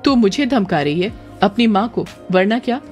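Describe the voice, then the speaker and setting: A woman's voice: mid-range voice, expressive, moderate pace, darkish tone, close to an everyday voice. A cruel, scheming older witch who mocks and threatens, as a woman storyteller puts her on. Her voice is cackling and menacing. Faint music plays beneath her. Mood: menacing, mocking. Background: faint background music.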